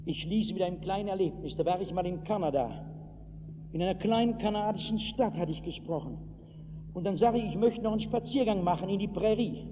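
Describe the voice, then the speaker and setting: A man preaching an evangelistic sermon to a hall, telling stories from his own life and breaking into acted shouts. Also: high-pitched, fairly quick. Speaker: pastor. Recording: tinny lo-fi hall recording with hiss.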